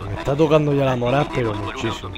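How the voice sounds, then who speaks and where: A man with an accent from Spain, commentating a racing game in an excitable way and swearing loudly at it. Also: mid-range voice, quick pace, music in the background. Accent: Spain Spanish. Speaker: gamer. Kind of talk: gameplay commentary.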